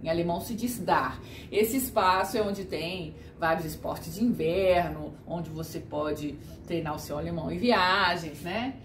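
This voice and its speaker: A woman teaching pronunciation, speaking at an unhurried, deliberate pace. She models each sound carefully and patiently. Her voice rings in an echoey room over a faint hiss. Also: fairly low pitch. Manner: patient, demonstrates sounds slowly. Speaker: German teacher. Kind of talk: pronunciation lesson.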